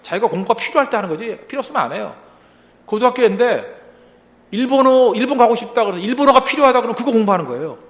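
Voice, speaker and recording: High-pitched, fast-talking preaching man. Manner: animated preaching with rhetorical questions to the congregation; acts out short quoted lines in other voices. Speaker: pastor. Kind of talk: sermon. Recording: long reverb of a large hall.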